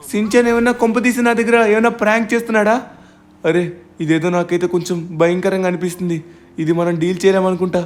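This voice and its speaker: A man hosting a gaming channel, voicing himself in a game role-play, excitable and prone to stammering and loud outbursts. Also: high voice.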